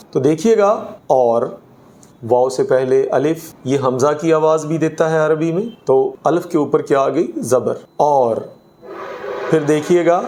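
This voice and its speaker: A male Urdu teacher giving a grammar lesson to students, slowly repeating each example word. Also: mid-range voice, warm tone.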